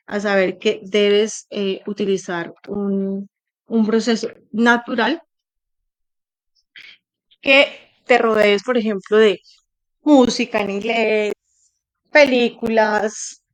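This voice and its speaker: A young adult woman, an English teacher, giving animated, chatty advice with plenty of examples in an online class over a computer mic. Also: mid-range voice.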